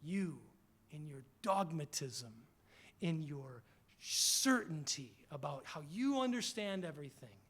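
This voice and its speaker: A man preaching a sermon in a church, animated and conversational, with quick asides and paraphrased dialogue. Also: fairly high pitch, slightly rough.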